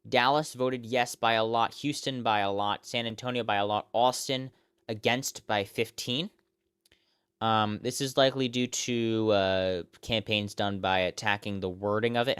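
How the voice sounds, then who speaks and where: An American man hosting live, off-the-cuff election results commentary, reeling off figures and place names in a halting, repetitive way. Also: fairly low pitch, fairly bright tone, clear, resonant tone, no echo, studio quality. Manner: halting, often repeats himself, reels off figures and place names. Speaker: election night live stream host.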